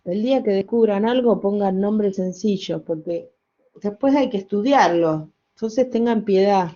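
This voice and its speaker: An older woman who lectures at a university addresses her class at an unhurried pace in a mid-range voice that is mellow and dark, on a dull, lo-fi recording. She explains step by step with rhetorical questions and wry asides, pausing to correct herself. She checks understanding with "¿sí?" and especially "¿no?".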